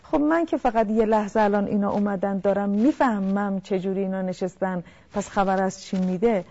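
A woman counselor talks through family communication in a calm, explanatory way, turning now and then to speak straight to the listeners. Her voice is mellow and warm, and the broadcast sound is dull and lo-fi. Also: mid-range voice. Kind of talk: talk-show advice.

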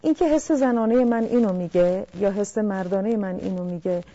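A woman counselor calmly explaining family communication on a talk show, speaking directly to listeners. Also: medium pitch, muffled recording.

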